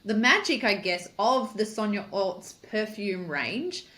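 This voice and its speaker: A woman hosts a conversational interview with clear enthusiasm. Her voice sits at a middle pitch and sounds bright and forward, and she keeps the talk going with welcoming questions and soft "mm" responses. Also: animated, a little slow. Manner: friendly, enthusiastic introductions with soft "mm" backchannels. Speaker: interview host. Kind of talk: interview hosting.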